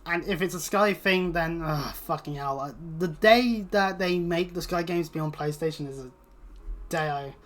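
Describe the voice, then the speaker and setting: Game music sits behind this British let's player's fairly bright, mid-range voice as he talks at a moderate pace. His commentary is casual and rambling, heavy on sarcasm and swearing.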